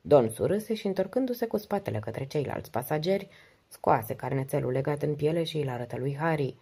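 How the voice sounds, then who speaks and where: Low, husky woman narrating an audiobook. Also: expressive, warm tone.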